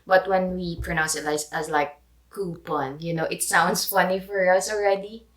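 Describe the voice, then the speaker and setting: A woman's voice: fairly low pitch, little pitch movement, normal speed, fairly bright tone. A woman with a Filipino accent chatting casually as a co-host and demonstrating how words are pronounced. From Philippines. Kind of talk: casual chat.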